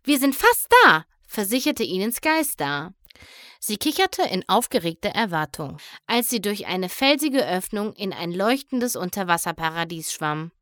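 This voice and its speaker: A woman narrating a children's storybook, reading in a lively, expressive way. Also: medium pitch, moderate pace, no room sound, studio quality.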